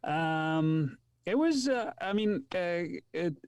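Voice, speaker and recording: A man from Egypt talks as a podcast guest over a video call. His voice sounds dry and close, with little room around it. He speaks thoughtfully and hesitantly, filling pauses with ums. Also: sits high, animated, smooth, no room sound. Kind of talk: casual interview chat.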